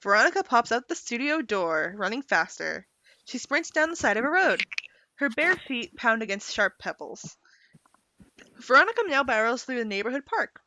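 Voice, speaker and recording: A woman narrating stage directions in a table read of a screenplay, with quick lively asides. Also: fairly high pitch, a little hiss or hum, low-quality recording.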